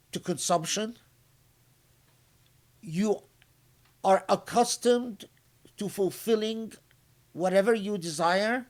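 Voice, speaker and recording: A man giving an unscripted religious lecture, reflective and halting, often restarting his sentences and reciting short Arabic phrases before explaining them in English. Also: high-pitched. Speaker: scholar giving Quran commentary.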